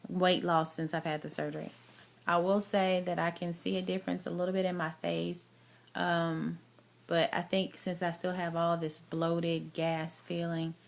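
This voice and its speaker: A woman's voice: fairly low pitch, a bit bright. A woman gives a casual, chatty personal update, speaking candidly and with emphasis, as if to friends. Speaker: vlogger giving a health update. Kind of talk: casual chat to camera.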